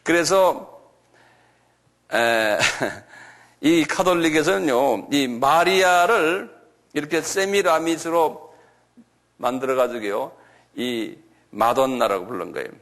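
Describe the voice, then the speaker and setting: A man giving a church lecture, slowly spelling out and repeating foreign names and often asking his listeners questions. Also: fairly high pitch, fairly bright tone. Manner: slow, repetitive, asks the audience questions. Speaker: lecturer on creationism.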